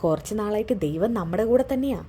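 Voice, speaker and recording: A woman's voice: mid-range voice, expressive, fast, warm tone, slight background noise, lightly acted. A woman voicing a smug, spiteful young man who schemes with his mother. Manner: smug, sarcastic.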